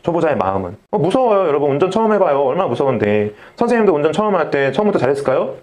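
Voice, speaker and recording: A man's voice: on the high side, sing-song, rapid-fire, a little mellow. A young man preaching a sermon as a pastor, telling a story and acting out the dialogue.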